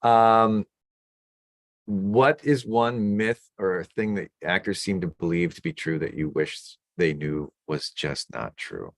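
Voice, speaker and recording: A man hosting an interview over a video call, relaxed, often repeating short acknowledgements. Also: low voice, slow, no echo. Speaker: interview host. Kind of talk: conversational interview. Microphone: video call mic.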